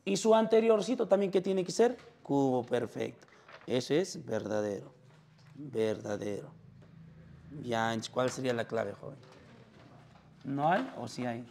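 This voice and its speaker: A man's voice: medium pitch, moderate pace, vocal fry, a little mellow, slight background noise. A man with a Peruvian accent teaching math to a classroom, constantly quizzing his students and calling them "joven". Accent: Peruvian Spanish.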